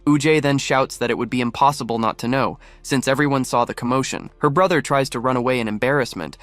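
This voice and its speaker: A man tells a comic story in the even, scripted way of a recap narrator. His voice sits at an ordinary middle pitch. The recording is dry and close, with no room sound around it. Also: no echo.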